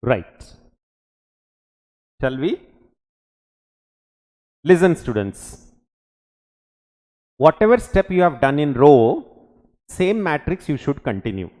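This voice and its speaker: Slow-paced Telugu-accented man teaching, echoey room. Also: fairly high pitch, very animated, darkish tone. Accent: Telugu-accented Indian English. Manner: instructional, short clipped phrases with frequent check questions. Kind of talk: classroom lecture with short questions to students. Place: indoor teaching studio or classroom.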